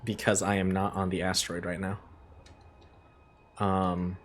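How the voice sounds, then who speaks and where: A woman's voice: extremely low pitch, flat delivery, unhurried, a little hiss or hum. A young adult woman streaming a game, chatting casually with a friend, teasing and laughing often. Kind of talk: casual gaming stream chat.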